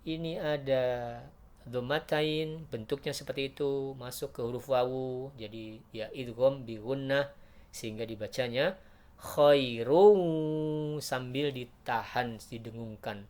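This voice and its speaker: A man teaching Quran recitation rules in a patient, explaining way, breaking into loud drawn-out chanted verses. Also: mid-range voice, steady tone. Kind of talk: tajweed lesson with recited examples.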